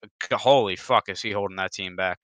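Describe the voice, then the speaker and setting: A man's voice: deep voice, brisk, a bit bright, dry recording. A young man hosting a live podcast, chatting casually about football with many hesitations and restarts. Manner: rambling, hesitant, stops and restarts. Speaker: podcast host. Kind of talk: casual sports chat. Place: home, live online podcast.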